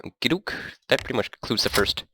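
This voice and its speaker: This let's play features a male commentator with a medium-pitched voice who talks quickly while playing a strategy game. Congested and coughing, he rambles in a relaxed way and thinks aloud, with loud noise in the background.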